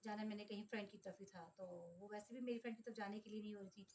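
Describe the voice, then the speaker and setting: A woman's voice: mid-range voice, fairly even intonation, racing, darkish tone, a little hiss or hum. A middle-aged woman from Pakistan vlogging casually, talking to her viewers in an exasperated, complaining way. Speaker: vlogger, mother. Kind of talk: casual vlog monologue.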